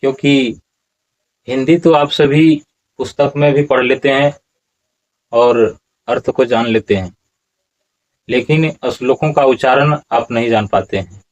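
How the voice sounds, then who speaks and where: A man slowly teaches the pronunciation of Sanskrit verse, explaining as he goes and repeating words syllable by syllable. His voice is medium-pitched, and the recording is rough.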